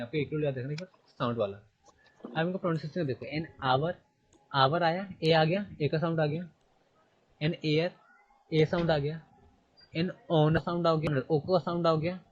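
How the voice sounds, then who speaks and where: A male English grammar teacher in a classroom, repeating his points and firing quick questions at his students. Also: fairly high pitch, breathy edge, highs cut off.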